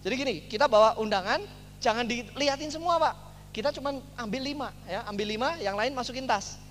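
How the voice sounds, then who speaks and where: A man speaking at a seminar, telling a story in an animated way and acting out the dialogue. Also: very high-pitched, fairly quick, faint music behind. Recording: long hall reverb, faint noise.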